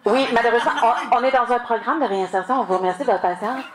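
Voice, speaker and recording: A woman with a Québécois accent playing a flustered drive-thru employee in a job-reentry program, apologizing quickly in live improv. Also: fairly high pitch, lightly acted. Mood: apologetic. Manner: hurried, apologetic service politeness. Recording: echoey venue, far mic, loud noise.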